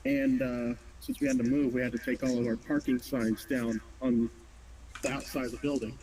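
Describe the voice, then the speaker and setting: A man's voice: mid-range voice, little pitch movement, moderate pace, mellow. A man telling anecdotes in casual chat. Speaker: podcast regular, store worker. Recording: distant mic, faint background noise.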